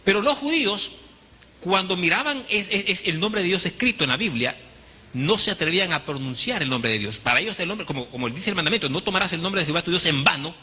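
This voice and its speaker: A Honduran man preaching a teaching sermon, his voice bright and sharp with a husky edge. He speaks with lively, rising and falling pitch and acts out the quoted voices. A long hall reverb trails behind him. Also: quick pace. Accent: Honduran Spanish. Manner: teaching, addresses congregation as brothers, dramatic quoted voices. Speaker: pastor.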